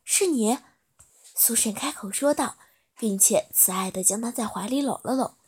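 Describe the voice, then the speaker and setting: A woman narrating a story in a soft, steady reading voice. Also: a little high, normal speed, breathy edge.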